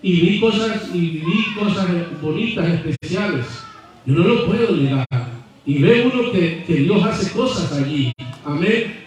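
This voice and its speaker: A male pastor delivers a sermon, moving between wry storytelling asides and fervent, rising declarations. His voice sits a little high for a man. The recording is heavily echoey and picked up from a distance, like a church sanctuary heard from across the room. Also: lively intonation, a little slow. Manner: storytelling preacher with humorous asides and fervent build-ups.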